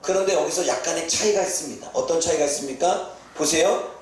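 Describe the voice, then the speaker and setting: A man preaching a sermon in a church, acting out the figures in a lively raised voice. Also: a little high, fast, a little hiss or hum. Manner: acts out biblical characters in lively raised voice. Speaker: pastor. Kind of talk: sermon with acted-out quotes. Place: church hall. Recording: very echoey hall from far off.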